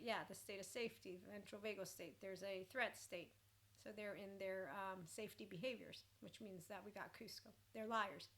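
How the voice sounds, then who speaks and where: Bright-voiced woman, informal blunt mentor. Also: medium pitch. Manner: informal, blunt, swears casually. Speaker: mentor and host. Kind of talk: informal rambling mentoring talk.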